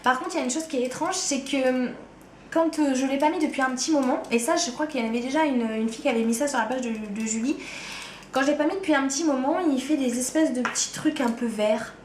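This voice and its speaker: A woman's voice: high voice, quick pace, reverberant, slight background noise. A woman vlogger with a touch of Ardennes French accent, chatting loosely and casually to camera about her favourite things. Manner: chatty, loose, slangy, trails off with "quoi". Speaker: beauty vlogger. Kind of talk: casual chat.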